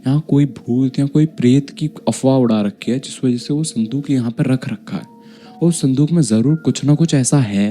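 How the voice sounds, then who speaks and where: A man's voice: medium pitch, mellow, lightly acted. A man voicing a fearless young older brother who brushes off worries and talks up a hidden chest, in a horror story. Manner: dismissive, reassuring.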